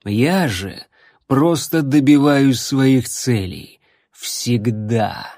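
Unhurried, sneering necromancer, as a male reader puts him on; drawn-out sarcasm, dry close sound. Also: mid-range voice, a little mellow, no room sound. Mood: mocking. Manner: slow, measured, mocking. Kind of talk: audiobook character voice.

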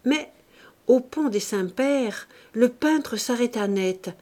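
A woman narrating a classic novel as an audiobook reader, in a measured, expressive reading. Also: on the high side. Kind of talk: scripted narration.

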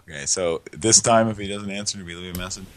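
A man hosting a live call-in show, talking in a laid-back, rambling way with lots of fillers and quiet chuckles. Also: deep voice, fast talker. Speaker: radio show host. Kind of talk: casual live prank-call show chat.

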